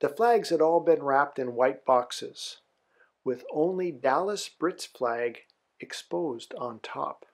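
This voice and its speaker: A man giving scripted documentary narration in a measured, even way. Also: on the high side, gravelly.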